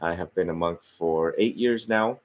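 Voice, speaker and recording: A Vietnamese monk in his thirties shares his life story in a casual interview, sounding like a podcast guest. His voice is very low and deep, and he talks in a relaxed, open, unhurried manner.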